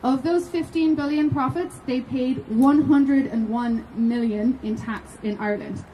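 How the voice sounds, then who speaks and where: A woman reading a scripted, factual narration in a measured way. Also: high voice, dark tone, a little hiss or hum, poor audio.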